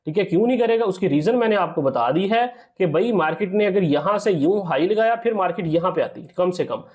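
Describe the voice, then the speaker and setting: Expressive and fairly quick, this trading teacher speaks in a high, slightly mellow voice while explaining a strategy over a screen recording. "Theek hai" comes up often as a check-in, and he calls viewers "sir".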